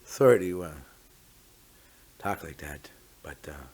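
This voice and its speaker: Hosting a talk on traditional teachings, this man from Mi'kma'ki, eastern Canada, speaks with a Mi'kmaq First Nations Canadian English accent and often ends phrases with "eh." His deep, husky, darkish voice is slow and expressive as he rambles in an informal, reflective way.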